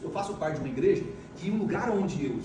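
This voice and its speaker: A man's voice: sits high, expressive, fast talker. A middle-aged man giving a motivational talk, telling stories emphatically and repeating phrases for force. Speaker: motivational speaker. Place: large echoey event hall. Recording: echoey hall, mic far off, faint noise.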